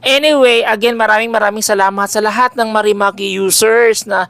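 A man with a big, loud voice who runs a folk-healing page, talking casually and animatedly to his followers with jokey exclamations. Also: sits high, steady tone, a little fast, no room sound. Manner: chatty and exclamatory, switching between Tagalog and English, jokey asides. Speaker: folk healer selling remedies, page owner. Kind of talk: casual direct-to-camera address to followers.

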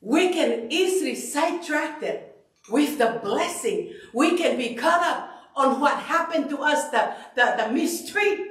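A middle-aged woman from Tonga preaching a sermon into a handheld mic in a church sanctuary, animated and emphatic, often repeating herself. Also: sits high. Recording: echoey hall, far from the camera.

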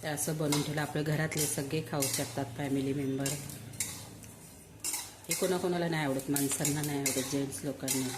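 A soft-spoken woman hosting a casual home-cooking vlog from her kitchen, talking quietly to her viewers. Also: deep voice, steady tone, fairly quick, noisy background. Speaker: home cooking channel host. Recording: clattering pots and sizzling behind voice.

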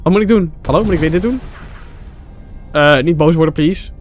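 A young Dutch man casually commentating his gameplay for viewers, excitable and chatty, often tossing in English phrases. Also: on the high side, normal speed, soft background music. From Netherlands. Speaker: gaming YouTuber. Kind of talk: Let's Play commentary.

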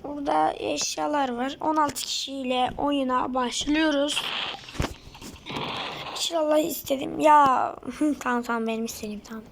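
Hoarse high-pitched woman doing let's-play commentary, excitable, loud game sounds behind. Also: normal speed, background noise. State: hoarse throat. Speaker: gaming video host.

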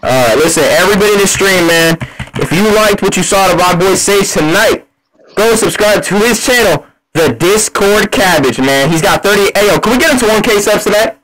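A man's voice: high voice, animated, brisk, a bit bright, poor audio. A man hosting a livestream with a voice changer on his voice, hyping things up in loose slang and repeating himself. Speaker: livestream host. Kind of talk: hyped casual livestream talk.

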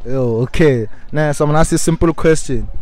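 A South African young man in his late teens runs a playful street interview, talking loud and upbeat with a slightly raised pitch. He quizzes his schoolmates into a handheld microphone in an open courtyard. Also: fast talker. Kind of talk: playful vox-pop questioning.

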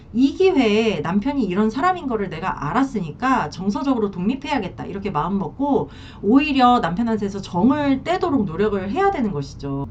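A woman counselor giving advice to camera in a casual, animated way, sometimes acting out what spouses say. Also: medium pitch, recorded from a distance, lo-fi sound, slight background noise. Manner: animated, acts out spouses' lines in quotes. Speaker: marriage counselor.

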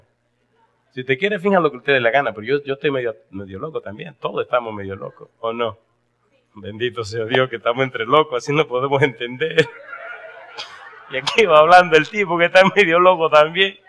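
A man preaching a sermon to a church congregation, his voice sitting at a middle pitch. He tells stories with animation and often stops to ask his listeners questions. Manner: animated storytelling, asks the audience questions. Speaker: pastor.

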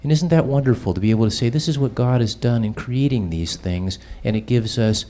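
A middle-aged pastor with a medium-pitched, dark voice introduces a guest speaker in a church hall. He speaks into a handheld mic, unhurried, filling his pauses.

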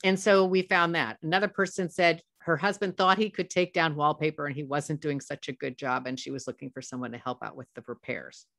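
Middle-aged woman presenter, low voice, dry close headset sound, chatty and anecdotal. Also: fairly even intonation, fairly quick, gravelly, hardly any pauses, fairly bright tone, no room sound. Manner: conversational, anecdotal, self-corrects often. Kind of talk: professional development webinar talk.

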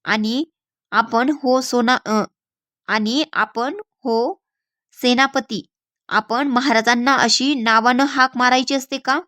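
A playful, bossy young boy plays at being a minister in a children's game, speaking in a teasing, mock-formal tone as a woman reads him aloud in a fairly high voice. The sound is dry and close, with no room echo. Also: fairly even intonation, unhurried, fairly bright tone.

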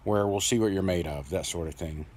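Man, middle-aged, very low voice, new dentures, slight lisp, casual rambling video diary. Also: darkish tone, slight background noise. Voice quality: occasional lisp. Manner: plain-spoken, rambling, pausing with fillers. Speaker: vlogger.

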